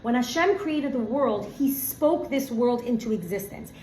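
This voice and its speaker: A middle-aged woman teaching a casual Torah lesson, animated and full of "like", acting out everyday scenes. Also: a little high, a little slow. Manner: animated, acts out everyday scenes, many fillers of "like". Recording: echoey room, faint background hum.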